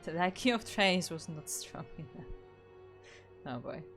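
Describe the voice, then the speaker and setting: This Polish-accented woman from Poland casts a live tournament in a deep, slightly bright voice, animated yet at a measured pace, as faint music plays. Her esports commentary is chatty; she reads out the chat and frequently restarts what she's saying.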